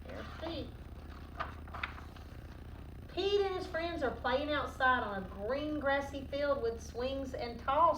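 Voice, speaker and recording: With a high, fairly bright voice, a female teacher reads a picture book to a group of children, using a sing-song, instructive style full of questions. A distant mic picks her up in a roomy space, and background noise is noticeable.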